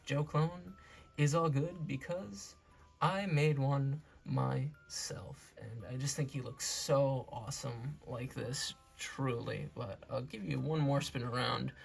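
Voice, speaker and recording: A man's voice: medium pitch, slow, gravelly, breathy edge, soft background music. A man giving a casual, earnest and enthusiastic hobby review as host, repeating himself, his speech affected by recovery from wisdom tooth removal. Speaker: toy reviewer and channel host.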